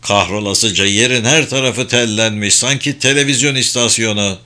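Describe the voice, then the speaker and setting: A man voicing a gruff, short-tempered male intelligence chief in a blustering way while reading a novel. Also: fairly low pitch, normal speed, bright, forceful tone.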